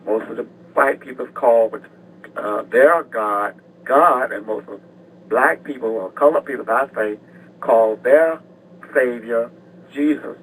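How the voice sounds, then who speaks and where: An older man calling in to a radio show, talking in a halting, rambling way and repeating words. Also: mid-range voice, a bit bright. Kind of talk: rambling live radio call-in. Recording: distant, noisy phone call to radio.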